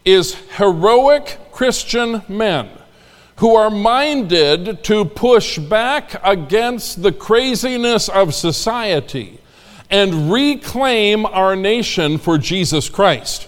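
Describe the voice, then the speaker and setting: A male American pastor delivers a roaring, rallying sermon in a high-pitched voice. His delivery is emphatic and insistent, and it rings out with long reverb in a large hall. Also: expressive, slow. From United States. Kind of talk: sermon to a congregation. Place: large hall, preaching to a live congregation.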